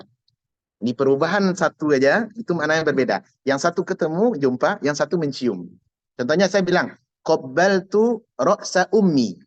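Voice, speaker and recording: A man's voice: on the high side, no echo, lo-fi sound. A man teaching an Arabic grammar class online, explaining patiently and repeating key words step by step.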